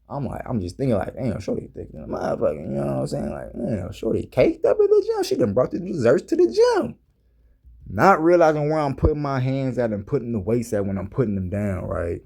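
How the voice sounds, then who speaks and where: A man's voice: fairly low pitch, creaky, warm tone. A young man casually telling a gym story to his viewers in a laid-back, slangy way. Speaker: fitness vlogger.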